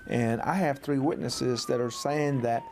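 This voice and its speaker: A man being interviewed as a defense lawyer, explaining step by step and pausing on filler uhs. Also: mid-range voice, background noise.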